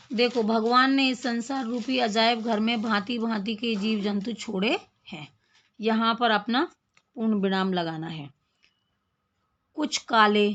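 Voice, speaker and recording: A woman teaching a grammar lesson, explaining slowly, repeating phrases and asking questions of her class. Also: a little high, gravelly, a bit bright, muffled recording.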